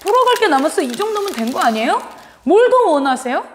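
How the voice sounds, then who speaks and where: A woman's voice: extremely high pitch, very animated, quick pace, a little hiss or hum. A woman voicing sulky people who give cold, snippy retorts to God. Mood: sulky backtalk. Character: sulky, backtalking people answering God coldly. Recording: long hall reverb.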